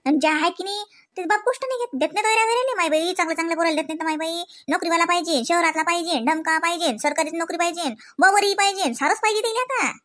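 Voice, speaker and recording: In a comedy cartoon, a woman plays a chatty village auntie with a high, slightly bright voice, rattling off complaints quickly. She uses rustic Varhadi Marathi of the Vidarbha region, and her delivery is gossipy and packed with exclamations.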